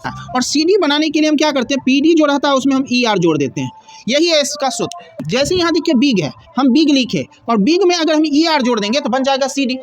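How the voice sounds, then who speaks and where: A woman teaching a grammar lesson, who asks questions and answers them herself and repeats key words slowly. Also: high voice, expressive.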